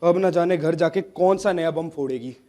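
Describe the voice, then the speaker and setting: A man's voice: a little high, moderate pace, mellow, lightly acted. An Indian-accented man playing a harried accountant pleading with his wife on the phone. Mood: weary. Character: harried male accountant juggling angry wife. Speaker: chartered accountant. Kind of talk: stage drama acting.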